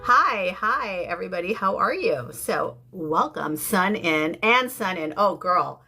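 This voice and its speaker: A woman's voice: lowish voice, animated, measured pace, sharp tone, soft background music. A woman in her fifties with an American accent, chatting casually and informally to livestream viewers as she hosts. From from the UK, lives in San Francisco. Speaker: livestream host. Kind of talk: casual beauty livestream chit-chat. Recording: clear background noise, room ambience.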